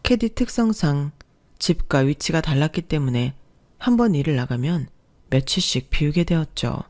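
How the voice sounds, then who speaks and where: Calm, reflective woman narrator. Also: low-pitched, normal speed. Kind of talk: scripted story narration.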